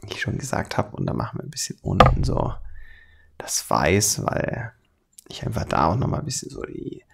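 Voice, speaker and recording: An airbrush artist with a light Swabian, southern German accent hosts a hands-on tutorial, colloquial and chatty and chuckling often. He whispers in a deep, very animated voice with vocal fry, speaking at normal speed.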